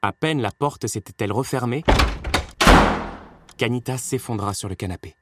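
A man narrating a children's storybook in an expressive, animated reading. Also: mid-range voice, moderate pace. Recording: hissy recording.

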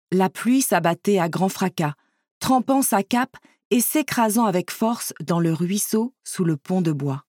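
A woman reading a children's storybook aloud in an expressive, lively narrating voice. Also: on the low side, no echo, clean studio sound.

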